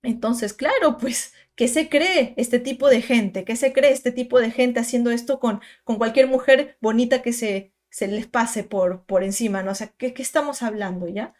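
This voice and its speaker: A woman's voice: a little high, normal speed, hardly any pauses, a little mellow. Chatty woman in her twenties. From Peru. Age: 20s. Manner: chatty, emphatic, many asides and tag questions. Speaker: content creator. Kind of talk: casual storytime monologue.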